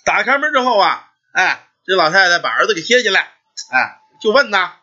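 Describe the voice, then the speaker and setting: A man telling a ghost folk tale in a lively, chatty style full of asides. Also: high-pitched, a little fast. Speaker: storyteller. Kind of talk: oral folk storytelling. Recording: dull lo-fi recording.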